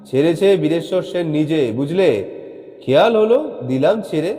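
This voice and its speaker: A man's voice: a little high, lively intonation, normal speed, dark tone, lightly acted. A man voicing an easygoing older husband who answers his wife's suspicion with banter. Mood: defiant. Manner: bantering, mock-grand. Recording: long reverb, faint background music.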